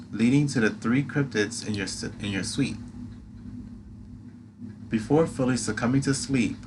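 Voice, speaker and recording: A man reading a game's second-person story aloud as narrator, with dramatic delivery. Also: lowish voice. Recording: clear background noise.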